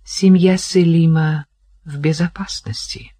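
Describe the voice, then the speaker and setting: Reader doing a furious, rasping old sultan. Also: medium pitch, fairly even intonation, slow, no echo. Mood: menacing rage. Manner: menacing, rasping shouts.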